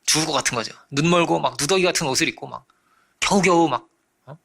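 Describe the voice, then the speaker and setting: A man preaching a sermon as pastor, animated, often checking in with his listeners and acting out the voices in his story. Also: on the high side, fast, gravelly. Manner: animated, acts out quoted voices; frequent rhetorical checks to congregation.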